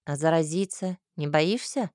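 A woman reading an audiobook, voicing a blunt, sarcastic young man in a lowered, curt voice. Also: normal speed, darkish tone, dry recording, clean studio sound, close to an everyday voice.

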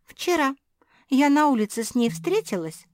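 Lady doing a high eager pug pup girl, earnest, slow and dry. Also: sing-song, no room sound. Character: young female pug puppy, chatty and earnest.

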